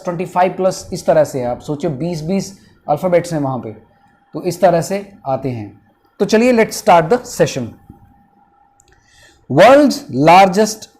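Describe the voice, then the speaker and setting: A young man with an Indian accent teaching English vocabulary in an online lesson, slowly splitting long words into syllables with many fillers. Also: high voice, dark tone. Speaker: English teacher for exam prep.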